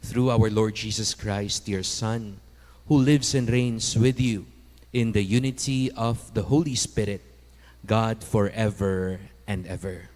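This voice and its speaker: Low-voiced priest in cathedral echo. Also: male voice, steady tone, a little mellow. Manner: solemn, measured phrasing. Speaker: priest presiding at Mass. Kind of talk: liturgical prayer, formal recitation. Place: large church interior. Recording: long cathedral-like echo of a large church.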